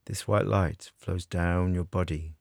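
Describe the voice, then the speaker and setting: A man guiding a scripted meditation in a soothing, measured way with long pauses. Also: low-pitched, steady tone, creaky, dry recording, clean studio sound. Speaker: meditation guide. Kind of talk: guided meditation narration, scripted.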